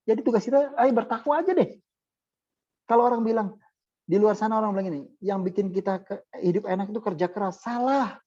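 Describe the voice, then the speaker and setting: A man giving a casual religious talk as a preacher, lively and chatty, speaking straight to his listeners. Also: sits high, fast talker, muffled recording. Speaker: Islamic preacher.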